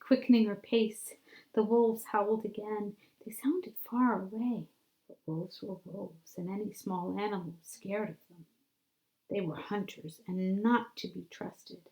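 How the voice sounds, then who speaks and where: Reading a children's story aloud in the manner of a teacher, a medium-pitched woman with vocal fry delivers dramatic, deliberate lines that fall into hushed tones. The audio quality is poor.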